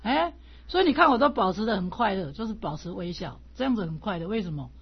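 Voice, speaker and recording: An older woman from Taiwan, a lay Buddhist teacher, telling animated stories in a casual way and laughing often. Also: mid-range voice, quick pace, husky. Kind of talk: casual storytelling talk. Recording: dull lo-fi recording.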